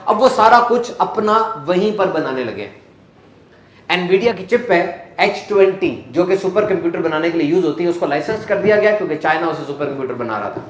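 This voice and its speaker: A man giving a live motivational talk on stage, animated and quizzing the audience playfully. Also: sits high. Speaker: motivational speaker. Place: stage at a live event hall. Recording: echoey hall.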